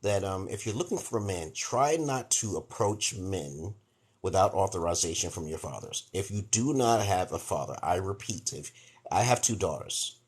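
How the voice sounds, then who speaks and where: A man in his forties with a New York accent hosts a livestream and gives advice in a rambling way, checking in with "okay?" again and again. His voice sits very low and deep. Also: lively intonation, normal speed, breathy edge. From Brooklyn, New York, USA. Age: 40s. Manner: rambling, repeats "okay?" often. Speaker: livestream host giving relationship advice. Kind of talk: casual livestream monologue.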